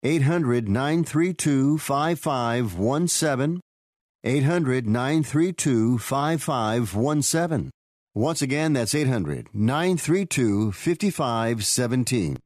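A man reading a hard sell radio ad as a commercial announcer, with an urgent, salesy pitch. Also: lively intonation, takes it slowly, a little mellow, no room sound, clean studio sound.

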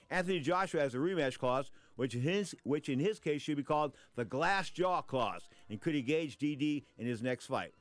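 Guy hosting boxing talk radio, opinionated and punchy, mid pitch, real dry sound. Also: no room sound. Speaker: sports talk show host.

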